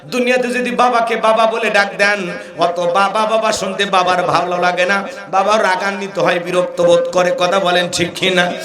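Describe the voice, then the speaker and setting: A man preaching a humorous sermon to a large gathering, calling out for the crowd to answer and breaking into shouts and chanted verses. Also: high-pitched, fairly even intonation, normal speed, reverberant. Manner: theatrical, calls out for crowd replies, rising into shouts and chanted verses.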